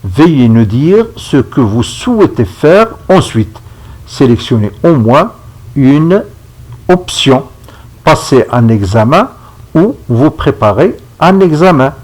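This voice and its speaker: A man talks through a screen-recorded computer tutorial, slowly and patiently, often stopping to ask if viewers are following. His voice is somewhat husky and lively in pitch, recorded on a computer microphone. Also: low-quality recording. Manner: slow, step-by-step, checks in with "d'accord?". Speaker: instructor.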